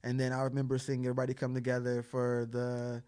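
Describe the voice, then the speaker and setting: A man co-hosting a podcast in casual chat, animated and chatty with lots of filler words. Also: medium pitch, fast. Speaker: podcast co-host.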